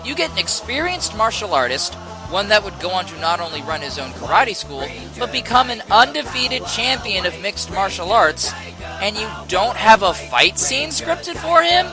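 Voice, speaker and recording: A man's voice: high-pitched, very animated, moderate pace, music in the background, low-quality recording. A man narrating a scripted comedic video game review in a sarcastic, exasperated way.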